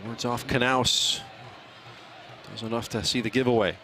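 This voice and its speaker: A man doing live play-by-play soccer commentary, calling player names in brisk short bursts. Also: mid-range voice, steady tone, sharp tone, some chatter behind, slight background noise.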